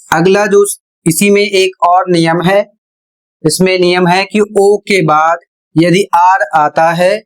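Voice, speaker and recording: Male teacher, unhurried pace, patient step-by-step explainer who draws out each key sound. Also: sits high, rough recording. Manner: deliberate, repeats phrases, stretches key sounds. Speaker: English pronunciation teacher. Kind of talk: slow explanatory lesson.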